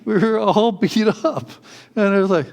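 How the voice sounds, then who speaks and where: A man preaching a sermon, telling childhood stories in a lively way, often chuckling and acting out what people said. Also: sits high, measured pace, creaky. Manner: animated storyteller, chuckles often, acts out quotes.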